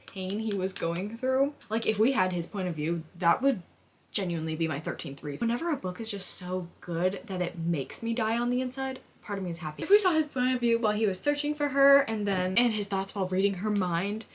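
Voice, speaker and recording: Speaking a little quickly with lively intonation, this book vlogger has a mid-range female voice. Her chat is casual, informal and full of emphasis as she gushes about a book she reacted to emotionally, with "like" scattered everywhere.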